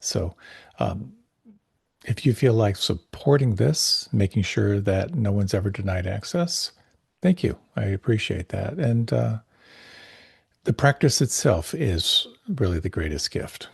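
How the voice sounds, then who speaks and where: A man teaching a guided meditation class, giving gentle, unhurried, soothing instructions with pauses. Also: on the low side, expressive, vocal fry, slightly rough, no echo, clean studio sound.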